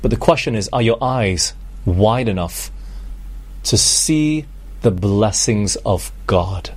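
A middle-aged man from Malaysia preaching a sermon, earnest, slowing down on scripture and asking the congregation rhetorical questions. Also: fairly low pitch, husky. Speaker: pastor.

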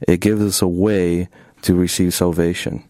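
A man's voice: sits low, little pitch movement, normal speed, warm tone, no echo, clean studio sound. A man from Brazil in his thirties, a doctoral student guest, speaking hesitantly with fillers, English. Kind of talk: interview and spoken prayer.

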